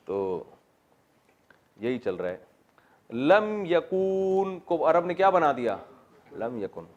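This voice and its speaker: A middle-aged man, teaching Quranic Arabic grammar. He spells out word forms slowly, repeats them, and drops in joking asides. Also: on the high side, sing-song, lo-fi sound. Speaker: religious teacher.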